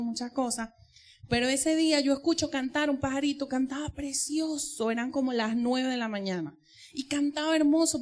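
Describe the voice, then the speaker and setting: A woman teaching in church, telling a personal testimony and addressing the congregation directly. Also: sits high. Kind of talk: sermon.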